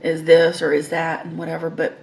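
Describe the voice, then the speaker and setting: A low-pitched, monotone woman's voice, creaky and darkish, talks fairly quickly with a little hiss or hum in the recording. As a mukbang host she chats casually while eating, savoring her food with mms between phrases.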